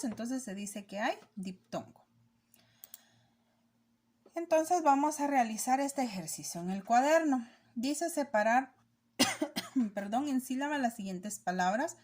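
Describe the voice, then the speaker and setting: Patient woman teacher, slightly high voice. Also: a little mellow. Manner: patient, explanatory, checks understanding with rhetorical questions. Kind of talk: recorded classroom lesson.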